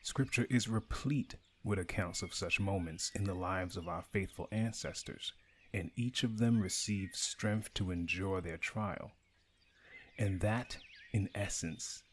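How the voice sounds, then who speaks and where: A man speaks in a deep, slow and deliberate voice, reading a scripted morning devotional with steady earnestness. Soft bird sounds and outdoor ambience sit faintly behind him. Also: a little hiss or hum.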